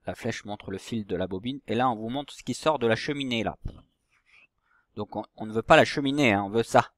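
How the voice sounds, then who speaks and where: Man, primary teacher, slow patient delivery, drawn-out syllables, dry close sound. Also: fairly low pitch, a bit bright, no room sound. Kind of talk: recorded reading lesson for young children.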